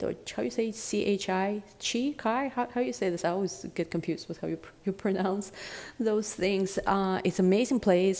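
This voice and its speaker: A woman gives a casual tarot reading in a deep, chesty, dark-toned voice. She rambles reflectively, with plenty of fillers.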